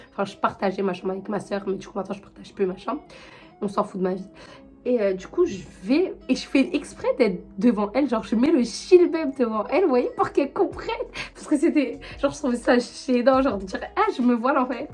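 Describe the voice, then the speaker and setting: Chatty high-voiced young woman. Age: young adult. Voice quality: high-pitched. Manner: chatty, animated, full of fillers and slang. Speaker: vlogger. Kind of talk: casual storytelling to camera.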